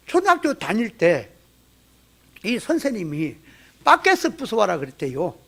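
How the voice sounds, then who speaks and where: Inside a church sanctuary, a Jeolla-accented Korean pastor delivers a folksy sermon, peppering his congregation with rhetorical questions. He speaks in a high, fairly bright voice with vocal fry.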